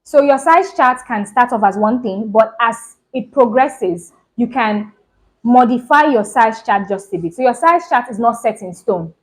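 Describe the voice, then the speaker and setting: The host of a fashion business channel, a woman with a slightly high voice, delivers a brisk, casual instructional talk to camera. She repeats points for emphasis, talks fast, and often asks "do you understand?" The audio is poor.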